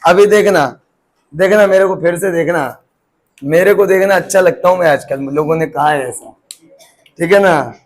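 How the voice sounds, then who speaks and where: A man's voice: on the high side, normal speed, long pauses. A man teaching a physics class in a joking, teasing way, bantering.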